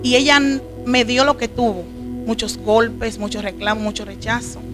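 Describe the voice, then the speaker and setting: Music sits behind this testimony interview, where a woman preacher from the Dominican Republic recounts her life as a guest, earnest and emotional. Her voice is on the high side with fairly even intonation and normal speed, carrying a Dominican accent.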